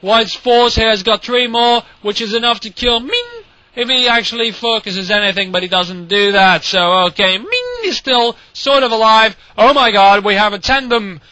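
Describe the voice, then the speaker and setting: A man casually commentating a strategy game replay, excitable and sarcastic, mocking the players and swearing. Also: sits high, normal speed, no echo, muffled recording.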